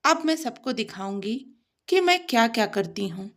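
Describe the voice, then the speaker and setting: A woman's voice: on the high side, very animated, moderate pace. A woman voicing an earnest, wronged young wife. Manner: earnest, restrained.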